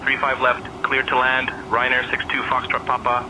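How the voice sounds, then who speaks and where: A man speaking as an airline pilot over the radio, reading back a landing clearance. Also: medium pitch, normal speed. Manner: flat radio readback. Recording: noisy radio transmission.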